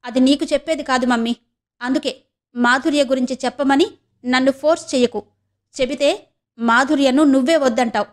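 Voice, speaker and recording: A woman's voice: high-pitched, fairly quick, long pauses, voice pushed up, natural voice. A woman voicing a cold, dismissive young man who answers his mother curtly. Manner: curt, dismissive.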